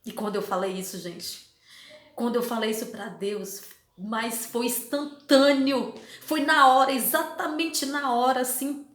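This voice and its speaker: A woman's voice: on the high side, fairly even intonation, a little slow, a bit bright. A woman giving a personal religious testimony at church, emotional and repeating phrases for emphasis. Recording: echoey hall.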